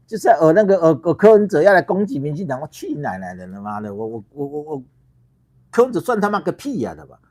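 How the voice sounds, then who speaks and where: Animated ranting Taiwanese man. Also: fairly high pitch, fast. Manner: ranting, swearing, rhetorical questions, repeats words. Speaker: political party founder and livestream host. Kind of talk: heated political livestream monologue.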